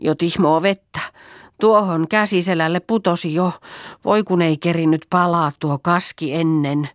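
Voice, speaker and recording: Woman reading Reeta, a shrill, panicky peasant girl. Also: steady tone, no room sound, clean studio sound, natural voice. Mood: worried.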